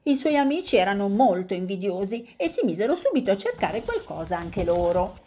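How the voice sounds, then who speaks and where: A woman co-hosting and reading a children's story aloud in an expressive, animated way. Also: medium pitch, fairly quick, slightly rough. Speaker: co-host storyteller.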